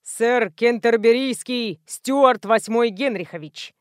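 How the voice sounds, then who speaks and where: A woman's voice: on the high side, takes it slowly, no echo, studio quality. A woman reading an audiobook voices a playful, clowning male friend with a teasing manner.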